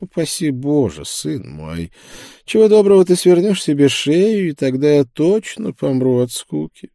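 A man's voice: fairly high pitch, big pitch swings, measured pace, creaky, warm tone, no room sound, clean studio sound, pitched above the performer's own voice, exaggerated voice. A man voicing a jovial middle-aged preacher with a wry, joking way of talking. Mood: wry teasing.

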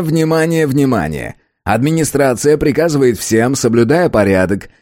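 A man reading aloud and voicing a stern loudspeaker announcer giving loud, clipped commands. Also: mid-range voice, dry recording, clean studio sound, natural voice.

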